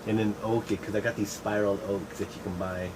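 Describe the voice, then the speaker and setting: A man's voice: fairly low pitch, little pitch movement, a little fast. A middle-aged man chatting in a casual, rambling way as the host of a show. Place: shed. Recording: faint air-conditioner noise.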